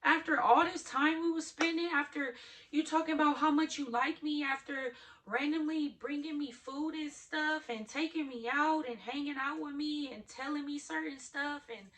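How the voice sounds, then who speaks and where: A young woman telling a storytime vlog candidly, jumping from loud outbursts to hushed asides. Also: high voice, fairly even intonation, moderate pace.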